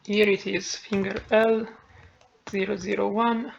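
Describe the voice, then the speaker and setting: A woman with a heavy Italian accent walking through a software tutorial, thinking aloud and correcting herself as she goes. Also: medium pitch, flat delivery, unhurried, creaky, slight background noise. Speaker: tutorial maker. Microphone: phone. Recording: dull lo-fi phone-mic recording.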